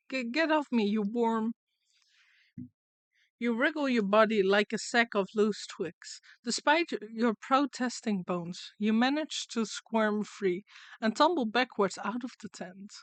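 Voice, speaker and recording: A woman's voice: a little high, no room sound. A woman streamer giving casual game commentary and reading story narration aloud with dramatic flair.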